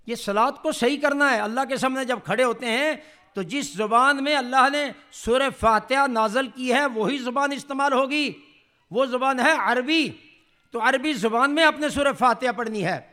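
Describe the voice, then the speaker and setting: The teacher's voice is extremely high in pitch and sharp in tone. He guides a group through Quran recitation in a tajweed class, correcting how they pronounce words and prompting them to repeat after him in call-and-response drills.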